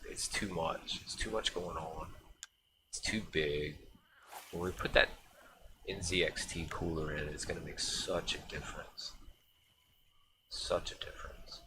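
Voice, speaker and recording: Male game streamer, very low voice, loose filler-heavy chatter, noisy background. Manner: rambling, filler-heavy, thinking aloud. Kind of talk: casual live-stream gameplay commentary. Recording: steady background noise.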